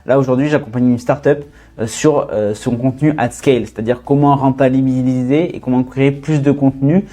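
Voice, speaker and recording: A young man talking casually straight to his viewers, with lots of fillers and quick asides about his work as a freelancer. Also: mid-range voice, steady tone, mellow. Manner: fast casual, many fillers, addresses viewer as "tu". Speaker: freelance content creator. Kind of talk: casual talking-head vlog.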